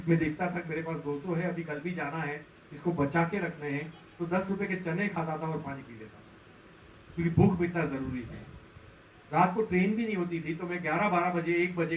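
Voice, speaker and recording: Male motivational speaker, high pitch, heard from far off in a hall, moves between loud and hushed delivery. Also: slight background noise. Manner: storytelling, swings from loud to hushed. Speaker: network marketing speaker. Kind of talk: motivational seminar talk.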